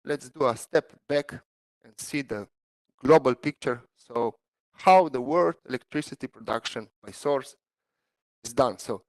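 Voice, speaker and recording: A man, a PhD student, giving an online seminar talk over a video call, halting with many fillers and non-native phrasing. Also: medium pitch, rough recording.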